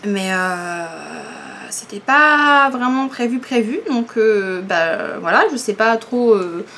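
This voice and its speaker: A woman with a fairly high voice chats casually as a vlogger. She is hesitant, stretching out her fillers. A fan whirs faintly right beside her. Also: lively intonation, takes it slowly, bright, forceful tone. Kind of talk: casual chat to camera. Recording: noisy, electric fan whirring nearby. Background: electric fan running right beside her.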